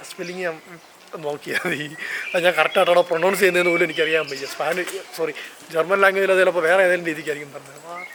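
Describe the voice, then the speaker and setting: Camera in hand, a travel vlogger strolls a seaside town and park, chatting eagerly in a Malayali accent and frequently correcting himself. The pitch is fairly high and the tone fairly bright, with a little hiss or hum present.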